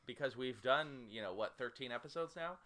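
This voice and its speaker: A man co-hosting a casual podcast, recapping a show with quick asides and frequent laughter. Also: mid-range voice, expressive, bright, forceful tone. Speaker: podcast co-host who picks the shows. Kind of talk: casual chat.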